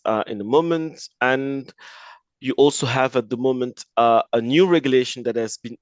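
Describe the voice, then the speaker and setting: Measured man with a French accent. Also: mid-range voice, no echo. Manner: measured, slightly hesitant with fillers. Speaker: lawyer presenting. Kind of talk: webinar presentation.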